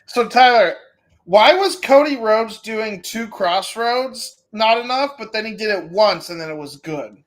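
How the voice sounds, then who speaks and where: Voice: medium pitch, lively intonation, measured pace. A co-host chatting casually during a watch-along, playfully calling out to the wrestlers on screen. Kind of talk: casual chat.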